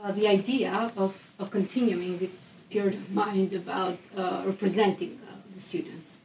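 A woman's voice: mid-range voice, steady tone, moderate pace, a little mellow. Young Albanian-accented woman, echoey and distant. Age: young adult. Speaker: student election candidate, guest. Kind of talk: casual interview. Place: echoey room described as a recording studio. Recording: roomy echo, distant mic, faint noise.

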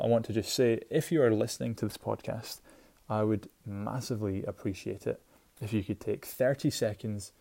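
A man with a Shetland Scottish accent talks casually as a solo podcast host. His voice sits fairly low and has a very soft, mellow tone. He is informal and enthusiastic, often circling back over his words. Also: vocal fry. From Shetland, Scotland.

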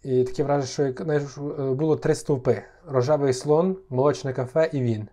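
Man, podcast co-host, deadpan jokes, mellow darkish tone. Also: medium pitch, fairly quick. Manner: dry, deadpan jokester, spinning absurd tall tales. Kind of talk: casual joking chat.

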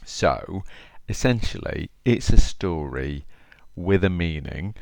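A podcast host from Derby, England, speaks with an East Midlands accent, chatting informally and straight to the listener as he talks and reads a story on his solo show. His voice is deep and darkish with vocal fry, animated yet slow-paced, and there is no room sound.

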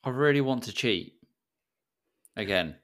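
A man's voice: mid-range voice, expressive, measured pace, a bit bright. A man co-hosting a football podcast, playful and self-mocking. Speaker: podcast co-host. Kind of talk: casual football podcast chat.

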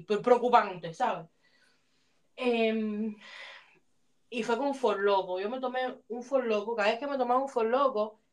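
Animated woman telling stories. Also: fairly high pitch. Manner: animated, mixes English phrases into Spanish. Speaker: podcast co-host. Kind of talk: casual storytelling chat.

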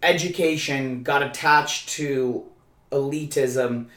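In a roomy, echoing space, this podcast co-host talks casually and emphatically, stumbling through restarts. His mid-range voice is a bit bright, and he takes things slowly.

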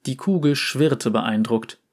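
A man calmly narrating a storybook. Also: mid-range voice, takes it slowly. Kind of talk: storybook reading.

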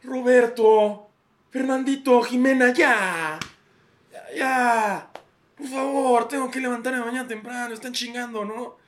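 A man's voice: very high-pitched, fairly even intonation, a little slow, a little hiss or hum, voice pushed up. A man with a Mexican accent voicing a worn-out middle-aged father who pleads with his squabbling kids in an exasperated, whiny voice. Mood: weary pleading.

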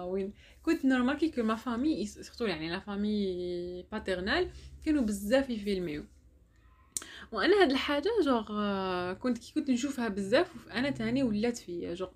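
Speaking with an Algerian Arabic accent, a young woman with a mid-range voice casually shares a story from her own life. She laughs a lot, and French words keep turning up in what she says.

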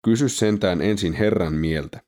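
Devout ancient king, earnest and loyal, read by a male narrator, deep voice. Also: darkish tone, close to an everyday voice.

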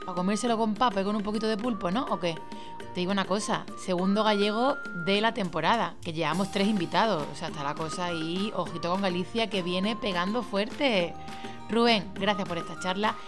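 A woman's voice: medium pitch, brisk. Playful Argentine woman hosting over music. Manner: playful, teasing, warm slang. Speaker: podcast host. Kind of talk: casual interview chat.

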